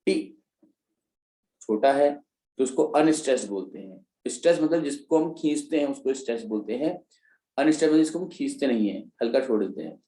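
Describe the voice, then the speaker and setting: A male teacher lectures an exam-prep class with terms. His voice is mellow and dark, and he checks in with his students as he explains each step. The sound carries the echo of a bare room. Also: mid-range voice, lively intonation, fast talker.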